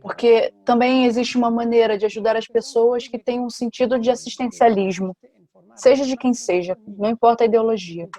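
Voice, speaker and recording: A woman giving a simultaneous interpretation at a panel, with a steady, measured delivery. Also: a little high.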